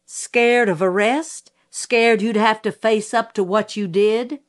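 A woman voicing a stern, scornful male prosecutor, talking slowly and cuttingly. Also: medium pitch, steady tone, lightly acted. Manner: slow, cutting, rising in outrage.

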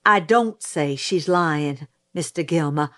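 A woman voicing a calm, respectful young man on the witness stand, speaking plainly. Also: low-pitched, takes it slowly. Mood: steady. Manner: plain, quiet, polite.

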